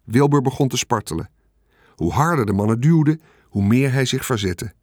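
Steady male audiobook narrator, dry close sound. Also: medium pitch, moderate pace, no room sound. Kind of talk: scripted narration.

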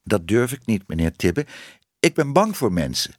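A man's voice: fairly low pitch, big pitch swings, normal speed, dry recording, clean studio sound. A man reading a storybook aloud, voicing a shy young woman who was once a cat and speaks hesitantly. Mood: timid. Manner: hesitant, stammering. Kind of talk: audiobook reading.

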